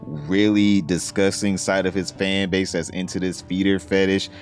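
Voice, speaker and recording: A man's voice: low voice, level tone, normal speed, faint music behind. A man hosting a podcast, reacting to clips with crude, sarcastic mockery. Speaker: podcast host. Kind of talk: reaction commentary.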